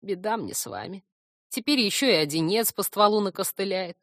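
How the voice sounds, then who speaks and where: Creaky, squeaky little male stump spirit, whiny and self-pitying, high and crisp close-up, voiced by a woman. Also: lively intonation, fairly quick, fairly bright tone, no echo. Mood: whining. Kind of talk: audiobook character voice.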